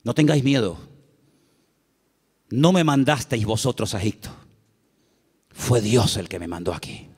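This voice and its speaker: A man voicing Joseph, a powerful man gently forgiving his brothers in a low, tender tone, in a reverberant church hall. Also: animated, a little slow, long pauses, slightly rough.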